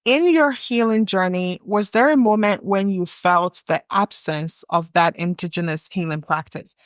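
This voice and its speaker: This podcast co-host, a young adult woman from West Africa, speaks in a fairly low pitch without hurrying. The recording is dry and studio-clean. In the reflective conversation, she lays out her thoughts in long, heartfelt runs.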